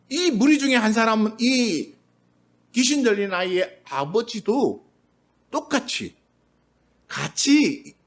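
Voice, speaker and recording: Male pastor, high-pitched, conversational sermon delivery in a church, drops into quoted voices at times. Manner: conversational preaching, briefly acts out quoted voices. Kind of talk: Sunday sermon. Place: church sanctuary.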